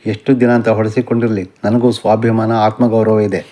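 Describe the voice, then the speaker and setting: A man's voice: on the low side, level tone, normal speed, dark tone, natural voice. A man voicing an angry, defiant young male college student in an audiobook novel, speaking in a bitter, confrontational way. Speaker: son.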